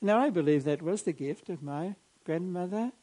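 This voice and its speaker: Measured older priest with a mellow voice. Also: male voice, sits high, expressive. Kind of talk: Gospel reading and homily.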